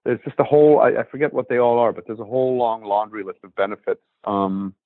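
A man's voice: medium pitch, steady tone, fast, dry recording. A man who trains dogs, talking casually on a podcast, rambling with many fillers. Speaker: dog trainer and podcast host. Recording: tinny phone line.

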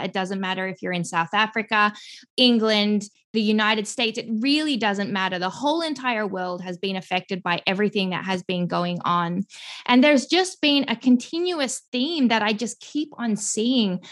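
A woman in her thirties with an Australian accent, from Melbourne, talking as a guest on a podcast in an effusive, animated way. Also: mid-range voice. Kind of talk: podcast interview conversation.

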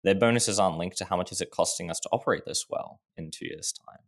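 A man's voice: low voice, fast talker. A man in his twenties, a startup founder guest in a casual podcast interview, explaining his work with frequent restarts and fillers. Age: 20s.

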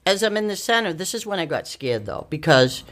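A middle-aged woman telling her story in casual chat, candid, with quick asides and frequent laughter. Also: on the low side, big pitch swings. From Italian-American family, northeastern US. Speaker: podcast guest.

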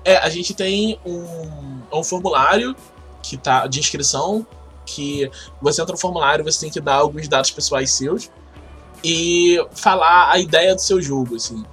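Higher-voiced Brazilian Portuguese man chatting. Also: moderate pace, fairly bright tone, faint music behind. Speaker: podcast guest, game project organizer. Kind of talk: casual interview chat.

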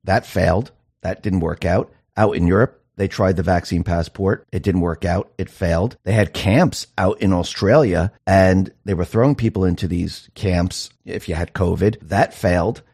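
Male interview host, lowish pitch, conversational political talk delivered in emphatic, repetitive short statements. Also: moderate pace, gravelly, a little mellow, breathy edge.

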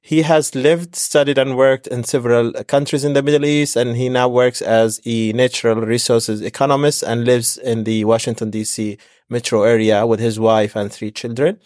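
A man co-hosting a podcast, introducing guests in a measured way with frequent fillers. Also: mid-range voice, level tone, darkish tone, no echo, clean studio sound. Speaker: podcast co-host.

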